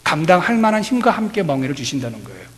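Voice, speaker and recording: Male pastor, fairly high voice, passionate sermon delivery in a reverberant hall. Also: sing-song, very fast. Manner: impassioned, building to loud pleading.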